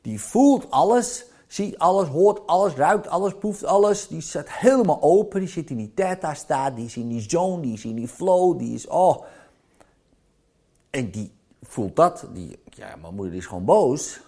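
A man's voice: on the high side, very animated, unhurried, warm tone. A middle-aged man, a coach, explaining parenting to listeners in a storytelling way, acting out small scenes and checking in with frequent tag questions.

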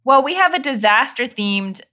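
A woman co-hosting a podcast, reading a scripted intro and then chatting playfully, quick to laugh. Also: high-pitched, expressive, sharp tone. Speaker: podcast co-host.

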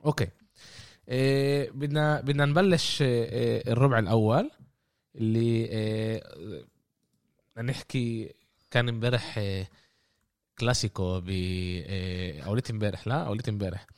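A man with a Palestinian Arabic accent hosting a casual sports podcast, often halting and searching for words. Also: mid-range voice, fairly even intonation, no echo, studio quality. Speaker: podcast host.

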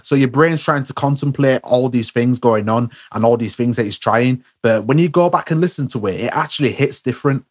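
A man's voice: mid-range voice, fairly quick, hardly any pauses. A young man in a casual chat about music, who stumbles over and repeats his words with lots of fillers.

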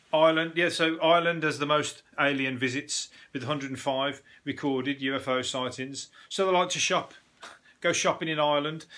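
A man's voice: fairly high pitch, pushed and bright. A man hosting a solo podcast from home, rambling casually with self-deprecating humour and the odd swear. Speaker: podcast host.

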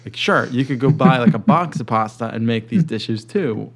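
A man's voice: mid-range voice, expressive, moderate pace, gravelly. A man hosting a casual comedic commentary chat, talking informally and joking. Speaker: show host.

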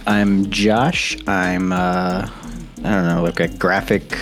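Low-voiced dude rambling on a podcast call, swears a lot. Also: male voice, flat delivery, slow pace, soft background music. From Arizona. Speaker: podcast co-host. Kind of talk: casual chat. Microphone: video call.

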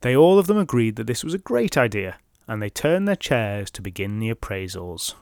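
A man's voice: on the low side, very animated, normal speed, a little mellow, clean tone, no echo, clean studio sound. A man narrating British legends in a scripted, wry style with comic asides. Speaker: storyteller.

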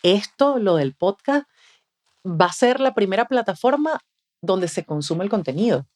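A woman's voice: mid-range voice, normal speed. A Venezuelan woman, a communication mentor, talking expressively on a podcast and acting out what people say. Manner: expressive, acts out quoted voices, frequent "¿ves?". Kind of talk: animated interview talk. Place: podcast studio.

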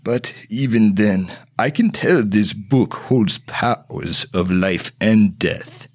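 A gentle old holy man, played by a man speaks in slow, solemn counsel to a grieving friend. His voice sits low and unhurried. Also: sing-song, husky, heavily acted.

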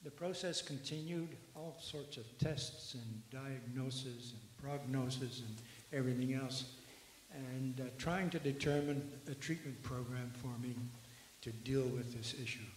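A man giving a personal testimony to a congregation, told step by step in a measured way into a handheld microphone. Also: mid-range voice. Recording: very echoey hall, faint hiss.

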